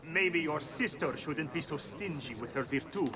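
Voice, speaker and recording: A man's voice: on the high side, lively intonation, moderate pace, close to an everyday voice. An actor playing an arrogant young Italian nobleman in a video game, boastful and mocking. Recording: game audio with crowd behind.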